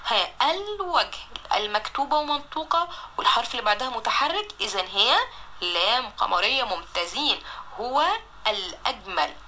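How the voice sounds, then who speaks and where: A woman with an Egyptian accent teaching a recorded primary-school Arabic lesson, drawing words out slowly to sound them out and praising her pupils. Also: medium pitch, bright, forceful tone, a little hiss or hum.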